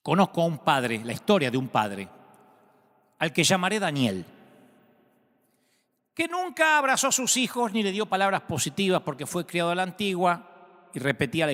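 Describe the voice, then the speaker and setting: Dramatic preacher in a big hall. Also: male voice, high-pitched. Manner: dramatic storytelling with big swings between soft and loud. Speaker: pastor. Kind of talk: sermon.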